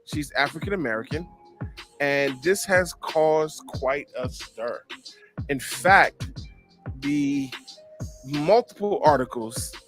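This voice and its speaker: A man hosting a casual talk show, speaking in an animated way and often checking in with "right?", with some music behind him. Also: on the high side, slow, pauses often. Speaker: podcast host. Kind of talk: casual chat.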